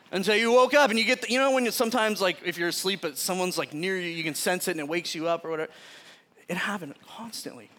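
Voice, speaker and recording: A man giving a casual sermon, telling a personal story in an animated, chatty way and often laughing mid-sentence. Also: high voice. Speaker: preacher.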